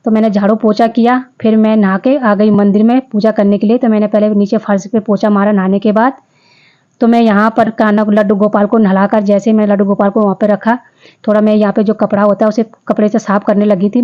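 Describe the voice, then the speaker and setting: A woman's voice: medium pitch, lo-fi sound. Chatty woman narrating a home vlog. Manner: chatty, homely, talks to viewers directly. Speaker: vlogger. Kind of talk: casual vlog voice-over narration.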